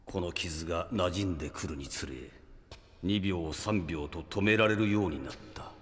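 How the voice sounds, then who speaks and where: A man's voice: deep voice, normal speed, fairly bright tone, in a large hall. An actor playing an arrogant, sadistic male villain in an anime audio drama, pompous, theatrical and gloating. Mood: gloating, menacing.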